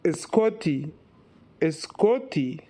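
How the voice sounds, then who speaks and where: Very slow Egyptian Arabic man. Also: on the high side, big pitch swings, mellow. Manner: echoes each phrase slowly in the male form. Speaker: language teacher. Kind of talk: slow phrase drill for learners.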